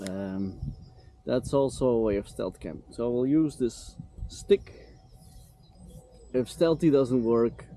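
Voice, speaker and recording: A man filming a camping vlog outdoors by water and woods, chatting casually with small halting pauses into a handheld camera. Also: mid-range voice. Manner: relaxed, chatty, slightly halting. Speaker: camper vlogger.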